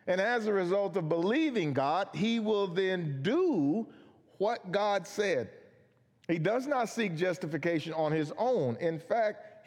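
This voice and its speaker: A man's voice: high-pitched, darkish tone. A man preaching a Bible study sermon, earnest and emphatic, asking questions and answering them himself. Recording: long hall reverb.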